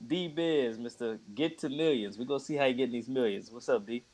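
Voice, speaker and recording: A man's voice: mid-range voice, fairly quick, a crowd in the background. A man hosting a podcast, chatting in a loose, slangy, joking way. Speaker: podcast host. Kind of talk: casual chat.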